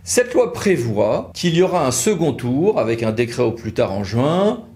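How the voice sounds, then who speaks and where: Very animated, with a darkish tone and medium pitch, a French-accented man speaks at a moderate pace. He hosts a law firm's videos, delivering an informal legal lesson in which he poses questions and answers them in everyday words.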